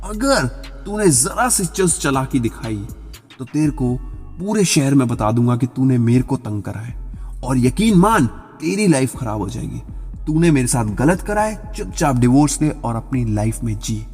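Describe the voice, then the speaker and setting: A man's voice: medium pitch, very animated, moderate pace, darkish tone. A man voicing a hurt, betrayed young husband who pleads and bursts out indignantly. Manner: pleading, rising to indignant outbursts. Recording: reverberant voice-over with background music.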